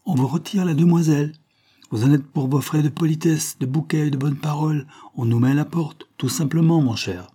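A man voicing a scheming, spiteful middle-aged woman in an audiobook reading, with a shrill, mocking delivery. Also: animated, normal speed, mellow, breathy edge.

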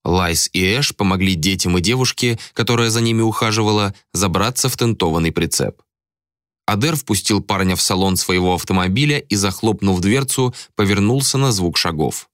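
A man's voice: fairly low pitch, normal speed, fairly bright tone, no echo, studio quality. A man narrating an audiobook with dramatic storytelling.

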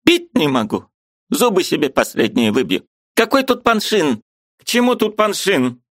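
A man voicing a sharp-tongued, agitated old woman who scolds her niece sarcastically. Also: sits high, very animated, moderate pace, no room sound, clean studio sound, pitched above the performer's own voice, heavily acted. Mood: scolding. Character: sharp-tongued old aunt, gruff yet loving woman.

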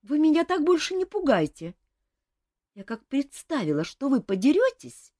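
A woman's voice: high voice, very animated, normal speed, dark tone, no echo, studio quality, voice pushed up. A woman reading an audiobook, voicing a timid young girl with a plaintive, pleading way of talking. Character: young girl newly arrived in a magic kingdom, timid. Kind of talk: audiobook character voice.

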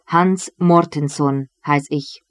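A captured medieval peasant man stays stubborn and defiant under blows, as a reader voices him. His words come slowly and deliberately. The sound is dry and close to the mic. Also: medium pitch, steady tone, no room sound, natural voice.

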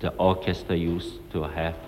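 A man giving testimony in a halting way, with long pauses, in an old archival recording. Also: sits low, flat delivery, darkish tone. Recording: old archival recording in a large hall with faint noise.

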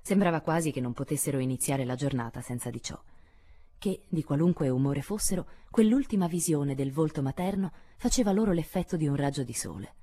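A woman narrating a classic novel as an audiobook, measured and expressive, dropping her voice for quieter passages. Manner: measured, expressive, lowering for asides. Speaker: audiobook reader.

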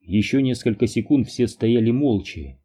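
Husky dark-voiced male audiobook narrator. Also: medium pitch, expressive, normal speed. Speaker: audiobook reader. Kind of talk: scripted narration.

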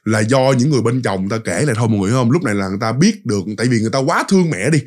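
A man's voice: mid-range voice, rapid-fire. A man with a Southern Vietnamese accent casually retelling a ghost story, chatty and speaking straight to his listeners. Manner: animated, chatty, addresses listeners directly.

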